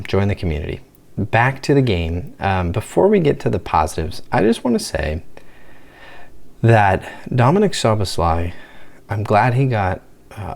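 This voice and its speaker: Hushed, gravelly-voiced man at night. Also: low voice. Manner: hushed, half-whispered delivery; rambling with frequent "uh" and restarts. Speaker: football fan channel host. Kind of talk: casual match reaction, talking quietly. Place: room at home at night.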